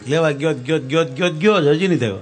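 A man's voice: a little high, fairly quick, faint music behind. A man giving a devotional sermon, telling folksy stories and acting out the dialogue. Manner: folksy storyteller, acts out dialogue. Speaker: Swaminarayan sadhu preacher. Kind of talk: katha sermon with sung verses and anecdotes.

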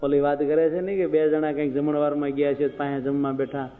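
A man's voice: a little high, flat delivery, brisk, faint music behind. A man, giving a moral sermon full of folk anecdotes and rhetorical questions to his listeners. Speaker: preacher. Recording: phone-like sound, long hall reverb.

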